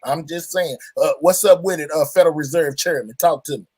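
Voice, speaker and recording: A man's voice: fairly high pitch, brisk, a little mellow, breathy edge, no room sound. A man hosting a livestream, ranting boastfully and defiantly in a mock-presidential style. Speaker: livestream host.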